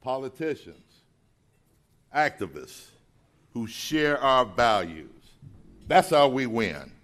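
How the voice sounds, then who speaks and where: An American man delivers a rousing podium speech to a room. His voice is forceful and swings widely in pitch. He punches out short, repeated phrases with emphatic oratory. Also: sing-song, slow. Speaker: labor leader, speaker. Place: large indoor event room.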